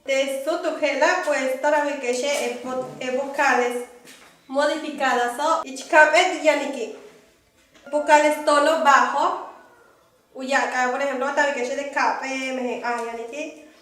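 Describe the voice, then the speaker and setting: A young woman from Yucatán, Mexico, teaching a language lesson in a halting way with many fillers. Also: sits high, steady tone, fairly bright tone. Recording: echoey room, far from mic.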